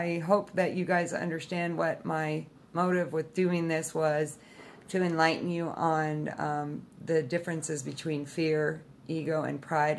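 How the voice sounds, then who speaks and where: Low gravelly-voiced woman, earnest vlog. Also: a little hiss or hum. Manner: earnest, heartfelt, emotional at times. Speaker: vlogger. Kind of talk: personal reflective talk.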